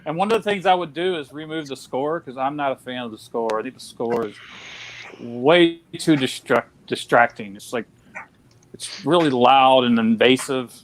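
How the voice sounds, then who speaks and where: A man's voice: mid-range voice, moderate pace, a little hiss or hum. A man hosting a casual film discussion, chatty with lots of fillers and restarts. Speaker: podcast host.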